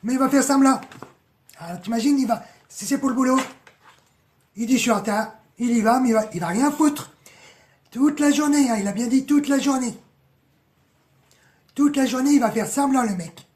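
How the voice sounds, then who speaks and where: A woman with a hoarse voice, mocking and chatty, analysing song lyrics in a casual live stream, full of slang and swearing. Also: a little high, brisk, darkish tone.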